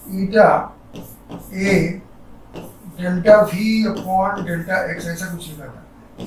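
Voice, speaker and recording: A man's voice: high-pitched, echoey room, recorded from a distance, a little hiss or hum, poor audio. A man teaching a physics lecture, working through a problem step by step, thinking aloud and correcting himself. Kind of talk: classroom lecture.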